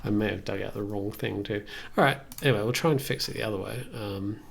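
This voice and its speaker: A young music production livestreamer talks fast in a lowish voice with vocal fry. He chats casually at his indoor computer desk, thinking aloud tentatively as he works through a tutorial.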